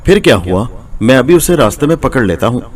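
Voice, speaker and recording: A man's voice: mid-range voice, big pitch swings, quick pace, far from the mic. A man voicing a strong, blunt village blacksmith in a storybook tale, with a raised, pushy delivery. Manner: blunt, demanding.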